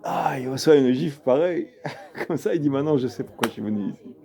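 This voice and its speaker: A man's voice: medium pitch, animated, fast talker, creaky, a crowd in the background. A man, a rabbi, giving an informal lesson and telling a story, emphatic and repeating himself as he talks straight to his listener.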